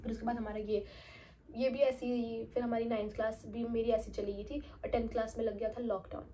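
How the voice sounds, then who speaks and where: A young woman chatting casually as a vlogger, telling an animated storytime tale. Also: a little high, fairly quick, slight background noise. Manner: animated, slips into quoted voices.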